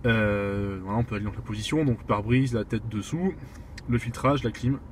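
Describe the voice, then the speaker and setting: A man's voice: on the low side, moderate pace, a little hiss or hum. Chatty young man filming a car tour. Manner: chatty, heavy with fillers and restarts. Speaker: car reviewer. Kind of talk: casual car walkthrough. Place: inside a parked car. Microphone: phone camera.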